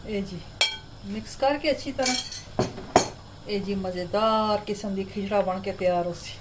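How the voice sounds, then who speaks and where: A woman's voice: mid-range voice, unhurried. A woman, hosting a home cooking tutorial in a chatty, homely way from her kitchen. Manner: chatty, homely, relaxed explaining. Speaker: cooking channel host. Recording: clear frying and stirring noise. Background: sizzling pan and stirring.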